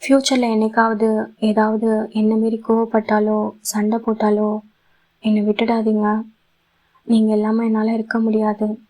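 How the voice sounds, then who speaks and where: An emotional young wife from a romantic audio story, soft and pleading as she clings to her husband, as a woman reads her. Her voice is fairly high and held level, with a narrow pitch range. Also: completely flat delivery, measured pace, pauses often, lightly acted.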